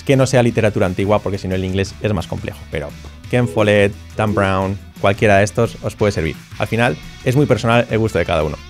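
A man with a middle-pitched voice gives a spoken English lesson, drawing out each word and repeating it with emphasis. His first language is Spanish. A faint guitar plays behind him. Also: a little mellow. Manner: slow, emphatic repetition of English words. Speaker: English teacher.

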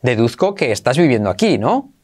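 A man teaching English to Spanish speakers, saying phrases slowly and repeating them while he explains pronunciation. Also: medium pitch, very animated, a little mellow. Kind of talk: bilingual language lesson.

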